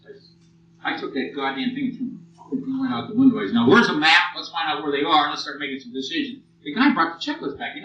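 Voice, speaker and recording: Profane, animated older American man lecturing. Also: fairly high pitch, a little hiss or hum. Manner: blunt, profane, animated storytelling. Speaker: military lecturer. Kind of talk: informal lecture with war stories. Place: lecture hall. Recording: muffled old tape from far off in an echoey room.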